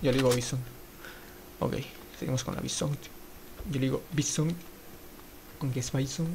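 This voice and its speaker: A man giving live commentary while playing a mobile shooter, excitable and swearing, breaking into panicked shouts. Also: mid-range voice, moderate pace, gravelly, background noise. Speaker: mobile game streamer.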